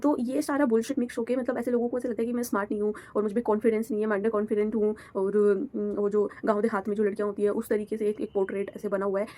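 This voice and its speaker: Frank young woman with a mellow voice. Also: mid-range voice. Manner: blunt, frank, switches between Hindi and English. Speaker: vlogger. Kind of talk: candid personal monologue.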